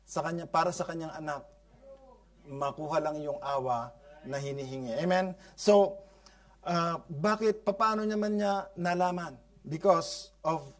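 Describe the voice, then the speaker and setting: A male pastor with a Filipino accent preaching a sermon, mixing Tagalog and English, often asking the congregation "no?" and "Amen?", swelling loud for emphasis and then dropping soft. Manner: switches between Tagalog and English, frequent "no?" and "Amen?" prompts; rises in loudness for emphasis, then drops to soft, low phrases. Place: church congregation.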